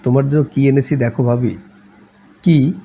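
Guy doing a cheeky young uncle, teasing, gravelly voice a bit raised. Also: medium pitch, fairly even intonation, normal speed, mellow, a little hiss or hum, close to an everyday voice. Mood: playful. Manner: teasing and exuberant. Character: playful, teasing young uncle, mischievous and lively.

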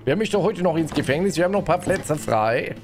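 A man's voice: a little high, expressive, brisk, music in the background. A man streaming a game live, chatting and greeting viewers as he plays, often tagging his sentences with a questioning "ne?". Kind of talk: live gameplay commentary.

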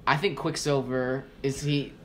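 A man's voice: medium pitch, flat delivery, unhurried, a bit bright, slight background noise. A man co-hosting a podcast in casual chat, stubbornly and dryly defending his rankings. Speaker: podcast co-host.

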